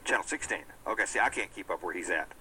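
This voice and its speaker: A man's voice: deep voice, expressive, fast, crowd noise, low-quality recording. A man hosting a live sports show, upbeat and self-deprecating in his banter. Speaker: sports radio host.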